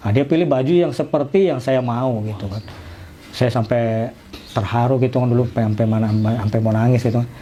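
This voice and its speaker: A middle-aged man tells his personal story in a casual, chatty way, voicing the other people in it. He talks quickly in a mellow, dark tone. Faint noise sits behind him. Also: mid-range voice, steady tone. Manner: informal storytelling, acting out dialogue. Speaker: convert telling his story.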